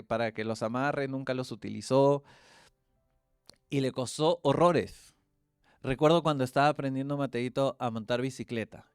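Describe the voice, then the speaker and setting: A man's voice: smooth, no room sound, clean studio sound. A man, preaching a sermon and telling stories, acting out the voices in them. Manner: storytelling, acts out quoted voices with big pitch swings.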